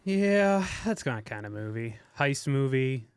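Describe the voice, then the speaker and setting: A man's voice: mid-range voice, big pitch swings, unhurried, heavy background noise. A man co-hosting a live stream, chatting casually in short reactions.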